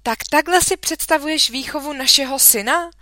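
A woman's voice: a little high, sing-song, bright, forceful tone, dry recording, voice pushed up, exaggerated voice. A woman reading a children's story aloud, voicing an indignant, scolding mother in a dry room.

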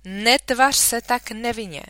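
A woman's voice: a little high, bright, forceful tone, no echo, voice pushed up. A woman reading a children's story aloud, voicing an indignant, scolding mother in a dry room.

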